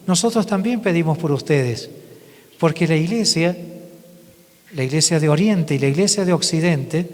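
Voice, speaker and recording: A male priest speaks to a parish congregation with a slightly raised voice. He tells his stories haltingly, often breaking off and starting again. His voice trails into a long reverb in the church. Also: on the high side. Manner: halting storytelling with frequent restarts. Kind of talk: testimony talk to a parish congregation.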